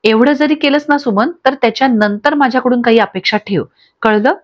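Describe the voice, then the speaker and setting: Scolding bully husband, woman reader, slightly high voice, muffled lo-fi sound. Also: fairly quick, close to an everyday voice. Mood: angry scolding. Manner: scolding, shouting insults. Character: short-tempered domineering middle-aged husband. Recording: dull lo-fi recording.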